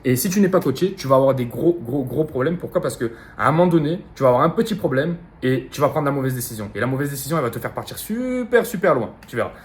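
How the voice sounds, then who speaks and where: A man giving a rapid, insistent motivational monologue as an online business coach, repeating himself and swearing casually. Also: mid-range voice. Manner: fast, insistent, repetitive, slangy and profane.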